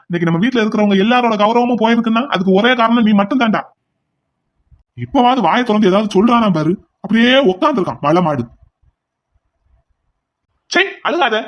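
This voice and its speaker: A man's voice: high-pitched, natural voice. A man voicing a blunt grown son in a cartoon who scolds his younger brother. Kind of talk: cartoon voice acting.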